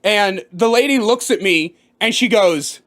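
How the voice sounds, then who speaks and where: A man in his thirties telling a profane comic story to camera, animated and bursting into loud outbursts. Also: high voice, unhurried. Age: 30s. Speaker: comedic storyteller. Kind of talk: profane comedic storytime rant.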